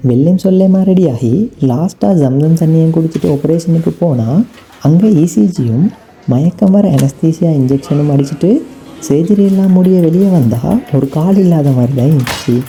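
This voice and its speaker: A young man with a Sri Lankan Tamil accent calmly narrating his own vlog as a voice-over, slipping English phrases into his speech. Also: on the high side, moderate pace, poor audio. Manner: calm, reflective, mixes English phrases into Tamil. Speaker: vlogger.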